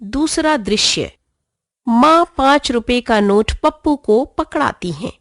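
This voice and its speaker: A woman narrating a children's story in an expressive, clear way. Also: on the high side, slow pace, dry recording, studio quality.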